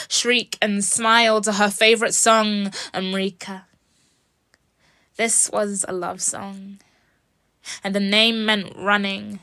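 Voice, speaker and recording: A young woman from England reciting a personal spoken-word poem in a slow, soft, lyrical way, sometimes dropping to a whisper. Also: medium pitch, dry recording, clean studio sound. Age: young adult. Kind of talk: spoken-word poetry performance.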